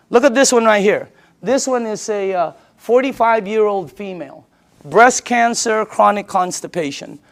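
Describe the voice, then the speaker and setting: A Filipina woman gives an informal sales pitch, speaking emphatically and repeating herself, often throwing rhetorical questions at her audience. Her voice is mid-range.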